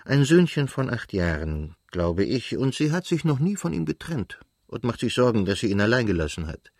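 A man's voice: medium pitch, very animated, moderate pace, darkish tone, no room sound, studio quality. A man voicing an elderly aristocratic countess, a doting and chatty mother, in a literary audiobook. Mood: fond.

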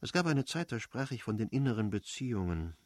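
Stiff formal husband for an audiobook, low, dry, measured, read by a man. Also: sing-song, dry recording.

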